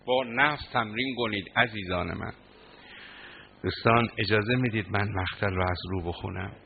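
A man's voice: lowish voice, creaky. A man preaching a mourning sermon, impassioned, his voice breaking into sobs as he recounts the narration. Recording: tinny phone-like line, faint noise.

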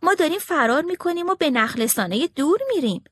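A woman's voice: sits high, expressive, pitched above the performer's own voice. A woman voicing a second young starling that warns it is already too late, in a storybook reading. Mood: urgent. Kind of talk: storybook character voice.

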